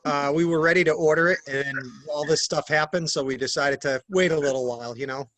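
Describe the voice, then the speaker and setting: A man jokes dryly on a video call. His pitch sits a little above average for a man. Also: brisk, a bit bright. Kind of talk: casual group video-call chat.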